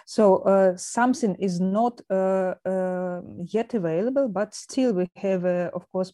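Female surgeon on an expert panel: Russian accent, mellow dark tone, hesitant phrasing, very dry close sound. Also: medium pitch, no echo. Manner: hesitant, halting delivery with many pauses. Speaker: eye surgeon, panel guest.

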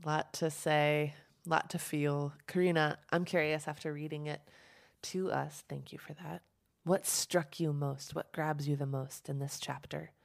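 A woman's voice: sits low, steady tone, normal speed, gravelly. A woman co-hosting a podcast, asking thoughtful questions in a casual chat. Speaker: podcast co-host.

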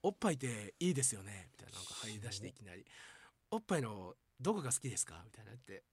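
Racing along in a lowish, husky voice with no echo, a Kansai-accented man tells a funny story during casual comedy podcast chat. He acts out the lines with animation and laughs frequently.

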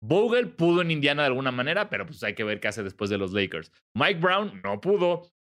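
A man's voice: fairly high pitch, very animated, fairly quick, fairly bright tone. A man with a Mexican accent, co-hosting a casual sports podcast, chatty and swearing offhandedly. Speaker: podcast co-host.

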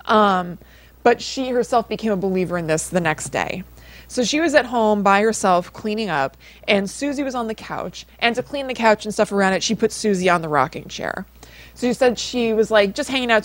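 A medium-pitched woman's voice with no echo. She's a podcast co-host recounting a story in a relaxed, chatty manner, leaning heavily on informal fillers such as "like" and "kind of."

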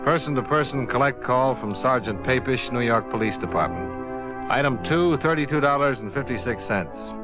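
A man playing a businesslike freelance insurance investigator, measured and dry, in 1950s radio drama style. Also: medium pitch, music in the background, close to an everyday voice. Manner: measured, dry, matter-of-fact. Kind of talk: 1950s radio drama first-person narration. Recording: dull vintage radio recording.

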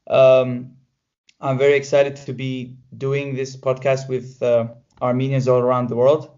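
A man's voice: medium pitch, completely flat delivery, measured pace, darkish tone, highs cut off. A man who works as a football coach, introducing himself plainly with many fillers.

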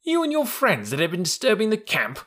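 A man voicing a gruff, bossy old male army mule in a storybook, scolding in a brisk way. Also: high-pitched, huge pitch swings, fairly bright tone, pitched above the performer's own voice, full character voice.

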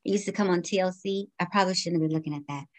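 With a lowish, darkish voice, she races through her answers. The speaker is a podcast guest in her forties, originally Guyanese and raised in the United States, responding thoughtfully and frankly to interview questions.

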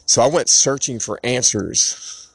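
A man's voice: medium pitch, a little slow, creaky, husky, no echo. A man in his thirties hosting a podcast, telling a personal story in an earnest, emotional, rambling way. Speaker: podcast host.

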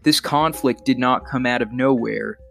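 A man hosting a history podcast, reading a scripted narration in a measured, earnest way. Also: medium pitch, gravelly, fairly bright tone, soft background music. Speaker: podcast host.

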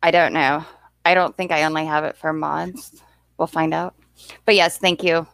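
A woman's voice: sits low, fairly even intonation, normal speed, vocal fry, a bit bright, no echo. A young woman from the United States hosting a livestream, chatting in a rambling way and often thanking viewers. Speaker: livestream host. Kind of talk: casual stream chat.

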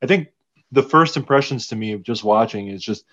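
A man's voice: medium pitch, a little fast, a bit bright. A male podcast co-host chatting casually about sports with a hesitant, rambling delivery. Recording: slightly dull, lo-fi audio.

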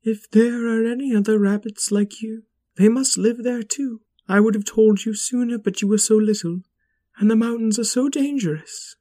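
A narrator voicing a caring mother in a children's storybook, her voice raised and soft with worry. She pleads gently for her child's safety. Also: medium pitch, moderate pace, voice pushed up, lightly acted. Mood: tender worried. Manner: tender, pleading. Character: loving worried mother.

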